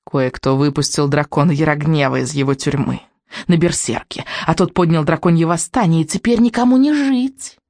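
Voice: medium pitch, moderate pace, a little mellow, no echo, clean studio sound, natural voice. A reader voicing a spiteful, lying old witch with a crackling, hissing voice in an audiobook. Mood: ominous. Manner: hissing, theatrical. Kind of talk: audiobook reading.

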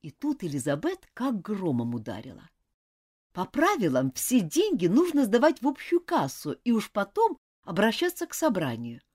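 A woman's voice: mid-range voice, wildly swooping pitch, normal speed, a little mellow, slightly rough. A woman narrating a children's storybook aloud, voicing all the characters expressively.

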